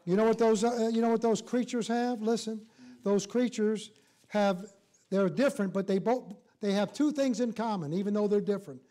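High-voiced older preacher, mellow tone. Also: male voice, normal speed. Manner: animated, folksy, jokey, with rhetorical questions to the congregation. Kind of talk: church sermon. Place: church sanctuary, in front of a small congregation.

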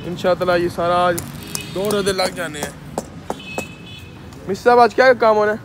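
A young Pakistani man with a Punjabi-influenced Urdu accent vlogs casually from a rooftop construction site, walking viewers through the work. His voice is high and moderately paced, captured on a phone camera held at arm's length in noisy outdoor conditions.

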